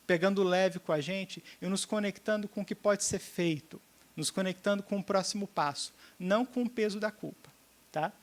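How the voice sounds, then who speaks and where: A man's voice: sits high, normal speed. A man speaking as a seminar speaker to a room of educators, checking in with the audience often and acting out little dialogues. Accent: Brazilian Portuguese. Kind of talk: teaching seminar talk.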